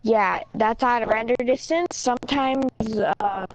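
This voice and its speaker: A woman with a fairly high voice speaks at a measured pace against a noisy background. She's a friend chatting casually in an online voice chat party, rambling with lots of "like" and "yeah," and the audio is dull, lo-fi voice chat quality.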